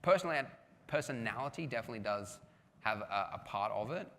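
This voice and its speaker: A man's voice: medium pitch, animated, fast, pushed and bright. A man speaking casually at a live panel, chatty and self-deprecating, with lots of restarts and filler words. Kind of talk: casual conference talk with audience questions. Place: large hall with audience. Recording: long hall reverb with faint background noise.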